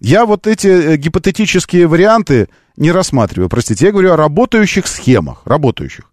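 A man's voice: on the high side, big pitch swings, fairly quick, a little mellow, dry recording, clean studio sound. A man hosting a live call-in radio show, arguing insistently and repeating phrases for emphasis. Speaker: radio talk show host.

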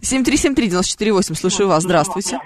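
A woman's voice: mid-range voice, animated, rapid-fire, crowd noise. A woman hosting a live call-in radio show, chatting playfully and reading listener messages. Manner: chatty, playful, thinks aloud with fillers. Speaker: radio traffic show host. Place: radio studio. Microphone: studio microphone.

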